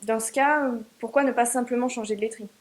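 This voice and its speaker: A woman's voice: fairly high pitch, steady tone, fast talker. A French woman working as an interviewer, giving an introduction and asking prepared questions.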